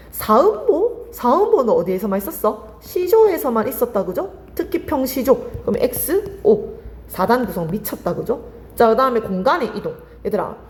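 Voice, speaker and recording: A woman's voice: a little high, a little mellow, in a large hall. A woman teaching Korean literature for exam prep, firing questions at her students and answering them herself. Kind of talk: lively exam-prep lecture.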